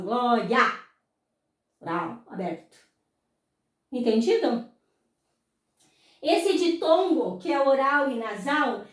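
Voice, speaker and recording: A high-voiced Brazilian woman teaching at an unhurried pace, stretching out words and repeating them. She asks questions and answers them herself. She is heard from well off the mic in a very echoey room. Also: distant mic. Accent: Brazilian Portuguese. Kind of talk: slow explanatory lesson.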